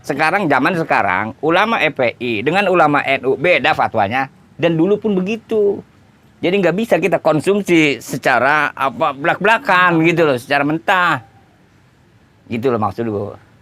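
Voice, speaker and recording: A man preaching in a relaxed, conversational lecture, explaining points with everyday examples. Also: a little high, moderate pace. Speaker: Islamic preacher. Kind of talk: informal religious lecture.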